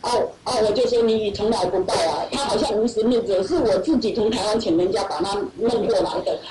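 A woman's voice: medium pitch, brisk, heavy background noise. A middle-aged woman tells her faith testimony to a church gathering. She talks animatedly, laughs often and acts out the voices of other people. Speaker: church member giving testimony. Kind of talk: personal testimony storytelling. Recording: echoey hall, far from mic, loud audience.

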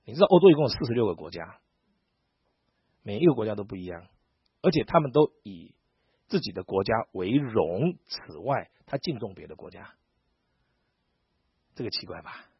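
Here the same kind of speaker, a middle-aged pastor from Taiwan, preaches with animated storytelling and acts out dialogue. His voice sits on the low side with a breathy edge, moving at normal speed with long pauses. The recording is dry, dull and lo-fi.

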